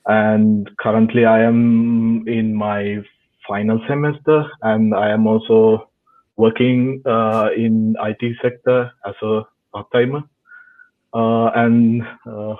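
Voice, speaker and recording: A man from Sri Lanka speaks in a low, flat voice. He introduces himself as a student with many hesitant fillers. His audio is thin and tinny, like a phone line on a video call.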